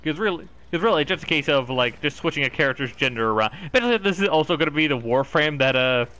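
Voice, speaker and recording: A man's voice: a little high, expressive, fast. A young man hosting a gaming stream, rambling casually and laughing often. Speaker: gaming channel host. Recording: game sounds loud behind.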